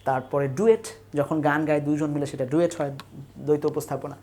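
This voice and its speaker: In an online English lesson for an admission test, a young woman explains word roots step by step, listing examples and often asking "right?", with soft music behind her. Her deep, warm voice is fairly even in intonation and a little fast, captured by a tripod-mounted camera.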